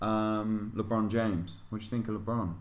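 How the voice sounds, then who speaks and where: A man's voice: on the low side, flat delivery, moderate pace. An English man co-hosting a podcast, chatty and joking, leading the conversation in casual sports chat. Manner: chatty, joking, prompts his co-host. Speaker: podcast co-host. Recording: roomy home recording.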